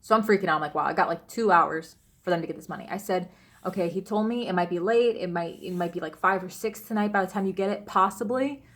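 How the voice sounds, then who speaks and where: A young woman vlogger with a fairly low, slightly bright voice speaks fast as she tells an emotional story about a personal ordeal at home. She is upset and rambling, her speech full of restarts and fillers.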